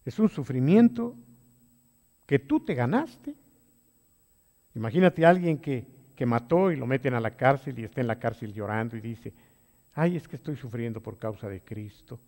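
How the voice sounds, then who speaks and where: A man preaches through a Bible study in a fairly high, very lively voice. He drops to quiet low phrases, then rises to loud, urgent exhortations. A long hall reverb trails his words. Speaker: pastor leading a Bible study. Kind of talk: sermon-style Bible study.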